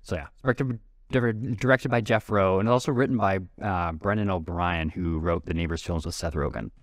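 A man co-hosting a casual podcast, talking quickly and tripping over his words as he rambles. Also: sits low, fairly even intonation, dry recording, clean studio sound. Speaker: podcast co-host. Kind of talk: casual chat.

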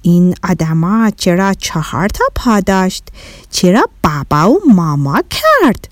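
A woman's voice: fairly low pitch, sing-song, dry recording, clean studio sound. A woman voicing a small, friendly Martian boy who talks in broken, childlike grammar in a children's story. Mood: astonished.

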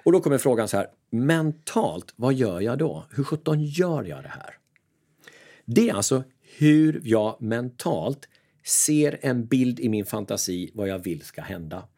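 A man who works as a mental coach, giving casual advice in a lively, self-mocking way and acting out his own inner voices. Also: mid-range voice, slightly rough.

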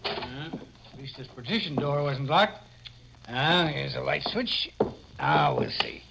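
An actor playing a gruff, wry big-city beat cop in old American radio drama style. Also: male voice, mid-range voice, animated, a little slow. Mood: impatient. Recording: old radio recording with hiss, clicks.

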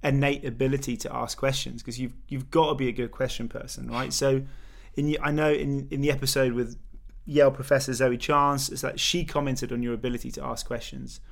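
Gravelly man asking relaxed questions. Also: mid-range voice, fairly quick, hardly any pauses. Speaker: guest interviewer. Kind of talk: casual conversation.

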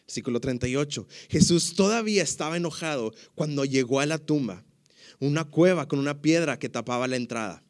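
A man preaching a sermon. He reads scripture expressively and drops to a hushed voice when he prays. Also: a little high, brisk. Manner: expressive reading, hushed in prayer. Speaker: pastor.

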